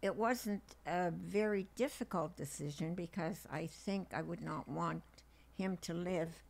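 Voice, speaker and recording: A woman's voice: fairly low pitch, measured pace, gravelly. A woman of about ninety, a very old guest talking casually and plainly in an interview.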